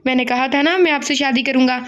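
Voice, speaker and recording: A woman's voice: high-pitched, fairly even intonation, fast, a bit bright. A woman reading aloud as a clingy, sulky little boy in a novel, with a whiny, pleading manner.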